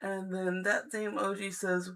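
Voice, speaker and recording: A woman giving a live psychic-hotline style card reading, speaking in halting, deliberate phrases with an encouraging, reassuring manner. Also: medium pitch, flat delivery, vocal fry, fairly bright tone. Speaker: live-stream tarot reader and host.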